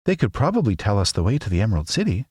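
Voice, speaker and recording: A man's voice: lowish voice, wildly swooping pitch, rapid-fire, darkish tone, slightly rough, no echo, pitched above the performer's own voice, exaggerated voice. Earnest young girl, as a man puts her on.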